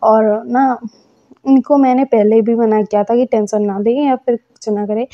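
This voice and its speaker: A woman casually telling a fan-fiction story in a rambling, halting way, with many fillers, recorded on a phone. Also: a little high, fairly even intonation. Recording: muffled lo-fi audio.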